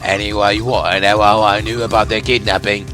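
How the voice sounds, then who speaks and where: A man's voice: on the low side, flat delivery, moderate pace, a bit bright, faint music behind. A man voicing a mocking, gloating phone caller whose voice comes through a voice changer. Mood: taunting. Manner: smug, teasing, taunting. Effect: voice changer over a phone line. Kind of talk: fan voice-over of a game.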